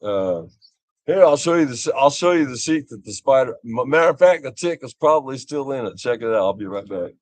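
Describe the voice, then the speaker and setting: A man's voice: mid-range voice, animated, a little fast, dry recording. An older man, chatting casually on a livestream and telling rambling stories with chuckles. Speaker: vlogger.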